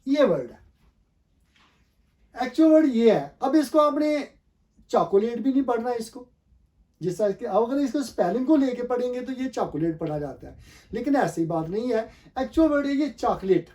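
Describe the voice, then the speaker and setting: A man teaching a pronunciation lesson. He asks the viewer questions, repeats the answers, and talks slowly and deliberately with frequent pauses to think. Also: very high voice, lively intonation, warm tone. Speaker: language teacher.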